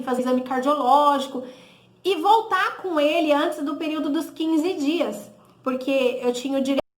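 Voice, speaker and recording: Here a woman's voice sits high, with a fairly bright tone, recorded in an echoey room; her accent is Brazilian Portuguese. Sharing a personal testimony, she chats casually and replays conversations through "he said, I said" exchanges. Little tag questions like "né?" come up often, along with frequent self-corrections.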